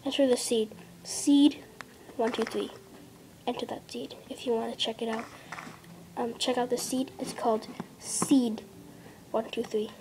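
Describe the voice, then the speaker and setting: Filmed by a device camera pointed at a handheld screen, this gameplay vlogger is a young girl at an indoor table, chatting loosely about her mobile game with lots of fillers and the odd half-whisper. Her fairly high voice stays steady and unhurried, pausing often, over background noise.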